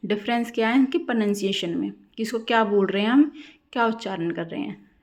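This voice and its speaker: A woman teaching an English grammar lesson for exam students, asking questions and answering them herself, repeating key words slowly. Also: medium pitch, darkish tone. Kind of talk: classroom-style lesson explaining grammar.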